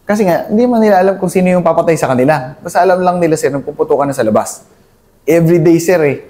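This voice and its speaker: Deferential Filipino soldier, warm low-toned voice. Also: male voice, fast talker. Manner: deferential, says "sir" constantly, hesitant with many fillers. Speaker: army captain, interview guest. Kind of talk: interview, recounting service.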